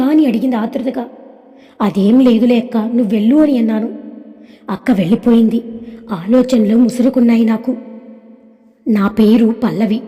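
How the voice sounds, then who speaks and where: A woman telling an emotional first-person story in a measured, scripted way. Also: high voice, warm tone. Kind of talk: scripted narration of an audio drama. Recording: long hall reverb.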